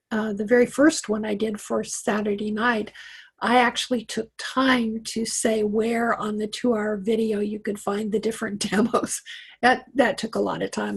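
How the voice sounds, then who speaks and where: In a mid-range voice with fairly even intonation and a moderate pace, a middle-aged computer coach from Wyoming, USA, chats her way through a live online tech class. Vocal fry and a breathy edge color her Western American accent, which has a touch of the South. Picked up by a computer mic on a video call, she sounds reassuring, with plenty of fillers and restarts.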